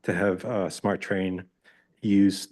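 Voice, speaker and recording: Lowish-voiced man making public comment. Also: little pitch movement, slow, darkish tone.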